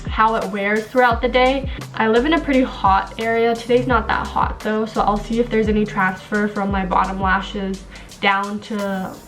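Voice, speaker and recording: A woman's voice: mid-range voice, steady tone, moderate pace, fairly bright tone, faint music behind. A young woman from Taiwan, a beauty vlogger chatting casually to a close camera in a small bedroom, upbeat and filler-heavy.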